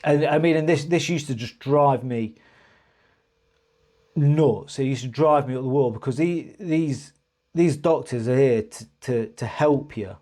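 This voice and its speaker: At a measured pace and with a dark, mid-range tone, a male vlogger rambles through a personal story to camera, hesitating and restarting often, and showing earnest frustration when he gets to his grievances.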